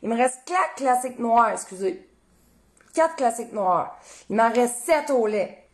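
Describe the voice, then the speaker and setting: Québécois woman, livestream cooking host, slightly high, loose and expressive, a casual swearer. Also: unhurried. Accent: Québécois French. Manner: talks straight to viewers, reads their comments.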